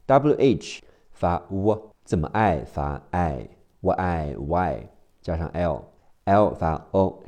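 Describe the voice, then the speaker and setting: Male vocab teacher, deep voice, very slow and deliberate letter-by-letter drilling. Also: warm tone. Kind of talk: phonics word drill lesson.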